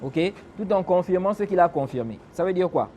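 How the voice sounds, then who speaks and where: Man, religious teacher, high-pitched voice, rhetorical questions, recites Arabic phrases, faint traffic noise behind. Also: expressive, a little fast, warm tone. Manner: asks the listeners rhetorical questions and answers them; recites Arabic phrases between French explanations. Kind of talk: explaining a classical text in a lesson.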